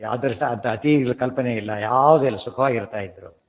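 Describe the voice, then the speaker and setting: A man giving a scripture lecture, explaining Sanskrit verses in a conversational way, often checking whether listeners understood. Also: mid-range voice. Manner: chants verses slowly. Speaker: scripture teacher. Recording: long hall reverb.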